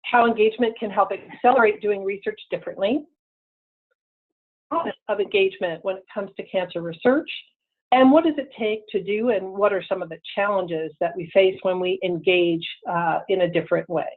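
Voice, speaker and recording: A woman giving a webinar lecture over a crackly phone line that fades in and out, speaking in a measured way with frequent ums and restarts. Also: medium pitch. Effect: crackly phone line, fading in and out. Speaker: invited presenter on a webinar. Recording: tinny phone-line audio.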